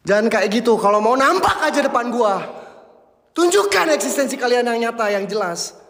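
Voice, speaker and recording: A man's voice: very high voice, lively intonation, normal speed, a bit bright, big-room sound. A man hosting a ghost-hunting vlog, talking in brash, taunting slang as he calls out spirits in an abandoned school at night. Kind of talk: casual live ghost-hunting commentary.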